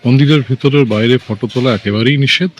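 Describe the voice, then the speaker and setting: A man narrating his travel vlog in a calm, informative voice-over. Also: medium pitch, quick pace, muffled recording. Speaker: travel vlogger.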